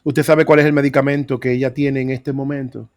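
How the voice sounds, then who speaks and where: A man's voice: mid-range voice, flat delivery, fairly quick, muffled recording. A middle-aged man preaching, telling his own story with earnest emphasis. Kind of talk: sermon testimony.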